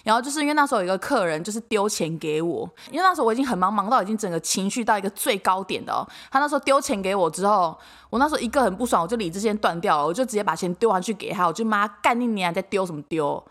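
Young woman on a podcast, swears a lot, talks fast and bouncy. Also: mid-range voice, animated, fairly bright tone. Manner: blunt, swears freely, laughs while telling stories. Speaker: podcast co-host. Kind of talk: casual storytelling chat.

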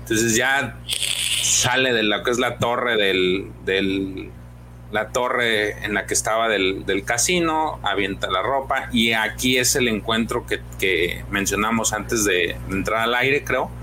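A man's voice: fairly low pitch, slow, pushed and bright, slight background noise. A man co-hosting a comics podcast, recapping a story in casual chat with many fillers and acted-out lines. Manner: hesitant, many fillers, acts out dialogue.

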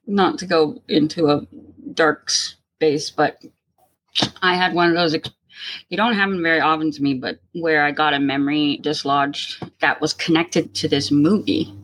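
A woman's voice: low-pitched, fairly even intonation, unhurried, fairly bright tone, rough recording. Reflective chatty woman. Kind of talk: casual chat.

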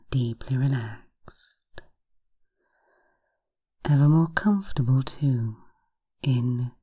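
A woman leading a guided hypnosis in a soft, breathy, half-whispered spa voice, soothing, with drawn-out phrases and long pauses. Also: very deep voice. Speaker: hypnotherapist podcast host.

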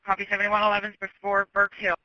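A man dispatching over a police radio, answering with quick, crisp acknowledgements. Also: high voice, completely flat delivery, bright, forceful tone, no echo. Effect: police radio transmission. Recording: muffled radio.

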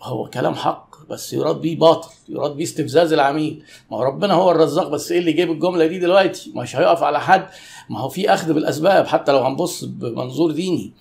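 A man with an Egyptian Arabic accent, a customer service trainer giving a lively educational talk to camera and acting out what customers and staff say. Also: a little high, racing, creaky.

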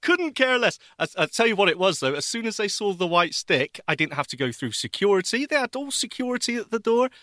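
A man co-hosting a radio show, telling stories in wry, lively casual chat. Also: sits high, quick pace, hardly any pauses, dry recording, clean studio sound.

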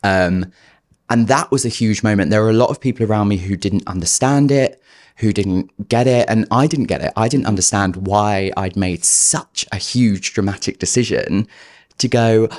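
A man's voice: on the low side, normal speed. A man, a podcast guest telling his life story candidly and acting out what he once said to himself. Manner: animated, acts out his past self in quotes. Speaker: podcast guest, performance coach.

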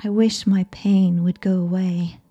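A woman reads a sleep story softly, as if right in your ear. Her voice is very dark and mellow, breathy and half-whispered. She takes her time with every phrase, keeping it gentle and soothing. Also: fairly low pitch, flat delivery, unhurried, dull audio, faint music behind. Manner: whispery, close in the listener's ear. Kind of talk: soft ASMR scripted bedtime narration.

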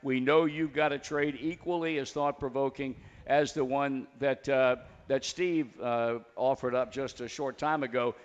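A man's voice: mid-range voice, fairly even intonation, a little slow, few pauses, long reverb tail, lo-fi sound. Folksy male sports radio host. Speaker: radio talk show host. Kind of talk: sports call-in radio talk.

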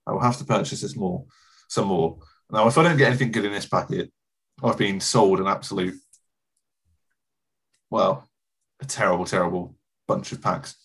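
Husky-voiced man hosting a chat podcast. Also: sits low, normal speed, pauses often, a bit bright. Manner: chatty, self-deprecating, laughs often. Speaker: podcast host.

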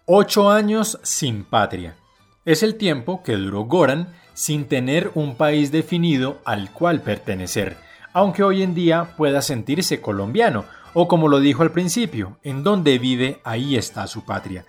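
A man hosting and narrating a documentary segment in a measured, explanatory way. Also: a little high, very animated, slightly rough, faint music behind. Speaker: program host and narrator.

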